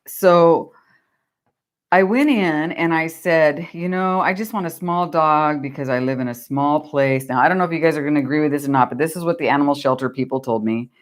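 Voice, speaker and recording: Chatty low-voiced woman. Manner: rambling, chatty, laughs at her own stories. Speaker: craft vlogger. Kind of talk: casual storytelling while crafting.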